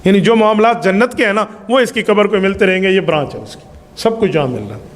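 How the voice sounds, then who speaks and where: A man's voice: sits high, lively intonation, big-room sound. A man preaching a sermon, reciting Arabic hadith and explaining them emphatically with rhetorical questions. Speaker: Islamic preacher.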